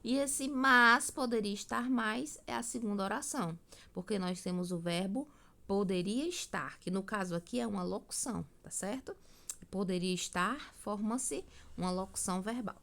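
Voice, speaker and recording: A woman's voice: medium pitch, expressive, normal speed, creaky. A woman, teaching a recorded grammar lesson, explaining step by step and often checking in with her students.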